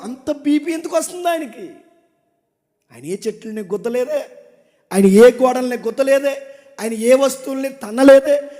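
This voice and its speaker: A man preaching a sermon, swinging between loud shouts and low, intimate tones. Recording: long hall reverb.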